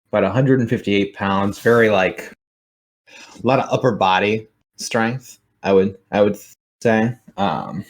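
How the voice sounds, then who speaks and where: Lowish voice guy, lots of ums, describing his game character. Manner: hesitant, thinking aloud with many fillers. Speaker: player. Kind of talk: tabletop game play.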